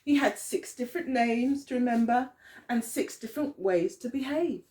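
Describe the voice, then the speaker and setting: Her voice is high and mellow as this woman teacher expressively reads a picture book to little children. She stops often to pose questions to them.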